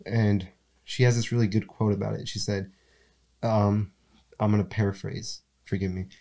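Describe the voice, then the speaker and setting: A young man with a low voice and a stuffy, congested sound talks through a film review in a loose, casual way. He rambles and circles back to correct himself as he goes. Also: moderate pace, gravelly. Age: young adult. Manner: rambling, self-correcting, relaxed. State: congested from allergies. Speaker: podcast co-host.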